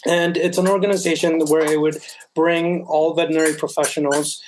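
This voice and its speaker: A young man from Colombia, a guest in a casual interview, speaking earnestly in a slightly high, flat tone. He keeps restarting his sentences and filling pauses with little hesitations. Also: a little hiss or hum, rough recording. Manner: earnest, with many fillers and restarts. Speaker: guest, veterinary student.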